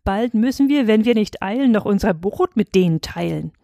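A woman voicing an angry, stingy male king in a rhyming Bible story, indignant and shooting up in pitch. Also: lively intonation, normal speed, vocal fry, mellow, dry recording, highs cut off. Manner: indignant, rising to high outrage.

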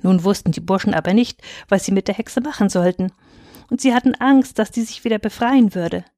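Reader: woman narrating a storybook tale, mid pitch, steady and clear, dry close sound. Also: brisk, no echo. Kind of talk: storybook reading.

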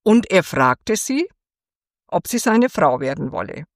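Slow, expressive woman reading a fairy tale. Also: fairly low pitch, dry recording, clean studio sound. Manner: gentle, expressive read-aloud. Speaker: storyteller.

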